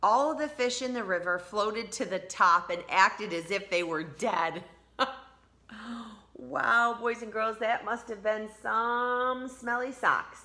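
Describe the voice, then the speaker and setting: A female teacher reads a storybook aloud to children, addressing them directly with expressive delivery and drawn-out, emphatic words. Her pitch is fairly high.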